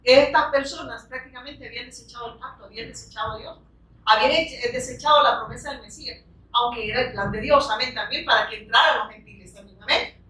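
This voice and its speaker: Woman preacher, bright higher voice, delivering a fervent sermon; recorded from a distance in a reverberant church. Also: fast. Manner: fervent, frequent rhetorical questions and amens. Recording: echoey room, distant from the mic.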